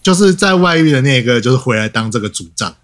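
A man's voice: mid-range voice, lively intonation, quick pace, fairly bright tone. A man, a podcast guest explaining game lore in a casual, matter-of-fact way.

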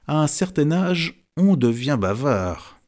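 A man's voice: a little high, takes it slowly, pitched above the performer's own voice. A man voicing a joking, gallant middle-aged husband in an audiobook. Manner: joking, flattering.

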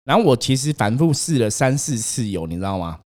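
A young man, hosting a casual chat and telling his own ghost story in an animated way, acting out the voices in it. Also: fairly quick. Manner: animated, acts out quotes, rises in pitch when scared.

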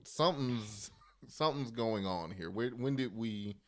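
Male host, lowish register, casual conversational interviewing, informal and affirming. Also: unhurried. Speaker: podcast interviewer.

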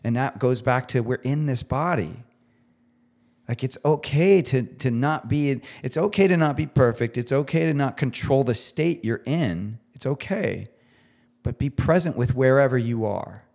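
A man with a gravelly, fry-tinged voice speaks as a podcast guest. His pitch sits in a middle range, and he talks earnestly and emphatically in relaxed conversation. He sounds heartfelt, close to tearing up at moments. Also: moderate pace. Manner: heartfelt, gets teary. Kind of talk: casual conversational interview.

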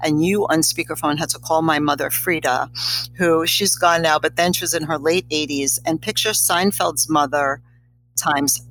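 An older woman with a hoarse, strained voice, talking conversationally as an interview guest. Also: low voice, moderate pace, fairly bright tone, poor audio. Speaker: podcast guest, college teacher.

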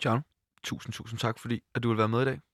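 A man speaking Danish, hosting a podcast interview, asking gentle, empathetic questions. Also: medium pitch, level tone, no echo, clean studio sound. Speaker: podcast host.

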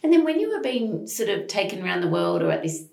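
A woman's voice: mid-range voice, very animated, fast, gravelly, a little mellow, roomy sound. A woman hosting a podcast interview, asking conversational questions. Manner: scripted intro then conversational questions. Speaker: podcast host.

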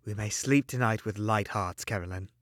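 A man voicing a calm, relieved husband speaking to his wife in an audiobook. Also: fairly low pitch, moderate pace, dry recording, studio quality, natural voice.

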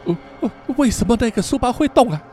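A man voicing a trembling teenage student who forces himself to sound calm, over soft background music. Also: high-pitched, fairly quick. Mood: tense. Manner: shaky, then bravely dismissive.

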